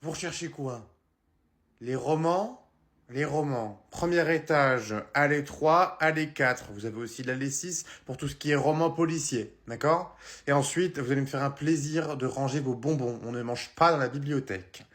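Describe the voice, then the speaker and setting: A man's voice: medium pitch, moderate pace, fairly bright tone, natural voice. A man playing a rude, irritable librarian who gives curt, bossy orders.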